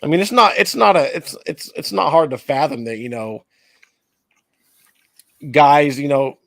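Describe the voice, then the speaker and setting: A man's voice: fairly high pitch, unhurried, gravelly, no room sound. A man co-hosting a podcast in casual sports chat, swearing a lot and laughing often, recorded close on a dry mic. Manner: profane, animated, laughs often. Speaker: podcast co-host.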